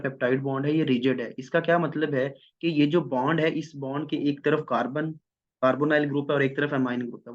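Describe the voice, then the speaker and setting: A man teaching biochemistry in a step-by-step classroom lecture, often checking in with his students. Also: a little high. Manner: explains step by step, often checks in with "theek hai". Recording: dull lo-fi recording.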